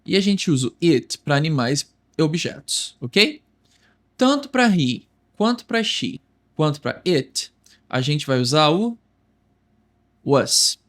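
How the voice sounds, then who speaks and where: A young man with a Brazilian Portuguese accent teaching an English lesson, slowly repeating words for the viewer. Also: a little high, sing-song, a bit bright.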